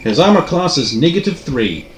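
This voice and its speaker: A man's voice: on the high side, very animated, normal speed. A man speaking casually as dungeon master, narrating and making rulings at a tabletop game. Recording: very noisy, echoey room tabletop recording.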